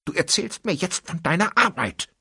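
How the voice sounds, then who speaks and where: A man's voice: medium pitch, sing-song, a little slow, vocal fry, breathy edge, no echo, studio quality, pitched above the performer's own voice, full character voice. A man reading an audiobook, voicing a distraught adult woman who pleads urgently. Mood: urgent pleading.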